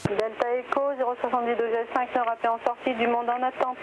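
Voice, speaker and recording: An air traffic controller speaks in short, clipped instructions. The voice comes over a pilot headset radio, with clear noise around it. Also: medium pitch, little pitch movement, quick pace. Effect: aviation radio heard over a pilot headset. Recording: noisy aircraft radio.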